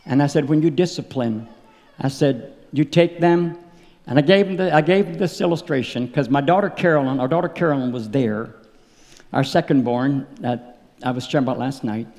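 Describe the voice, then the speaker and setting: A middle-aged man preaching a sermon, telling personal stories and acting out the voices of the people in them, growing louder and more urgent. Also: medium pitch, normal speed. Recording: long hall reverb.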